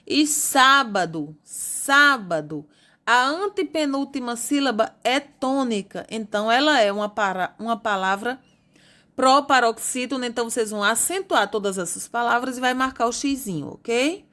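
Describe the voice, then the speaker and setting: Female schoolteacher from Brazil, fairly high voice, patient and methodical, recorded lesson. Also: a bit bright. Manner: patient, spells out rules slowly, uses diminutives. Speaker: teacher. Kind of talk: recorded classroom lesson correcting homework.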